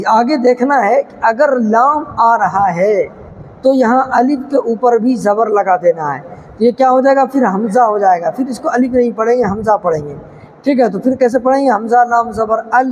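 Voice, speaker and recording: A male Quran teacher who explains recitation rules quickly and then recites each word slowly and drawn out. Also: very high-pitched, darkish tone, big-room sound, slight background noise, rough recording. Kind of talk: tajweed recitation lesson.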